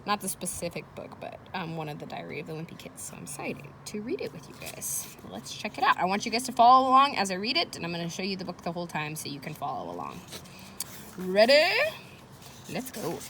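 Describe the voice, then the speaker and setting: Reading a children's chapter book aloud, a woman teacher speaks briskly in a lowish, sing-song voice that's a bit bright. She adds casual encouragement and questions for her listeners. The recording is noisy, with kids playing close by.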